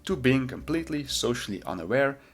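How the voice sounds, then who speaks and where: A man's voice: medium pitch, very animated, brisk, music in the background. A man delivering scripted video essay commentary in a sardonic, mocking manner.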